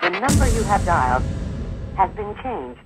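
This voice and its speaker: A man's voice: high voice, big pitch swings, normal speed, over loud music. Spliced-together phone announcement, male voice. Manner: choppy, words spliced together from separate takes. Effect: spliced-together recorded phone announcement. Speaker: phone company recorded message.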